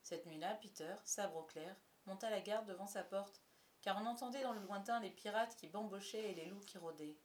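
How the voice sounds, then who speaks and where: A woman reading a children's story aloud with a lively, expressive delivery. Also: medium pitch, moderate pace, slight background noise.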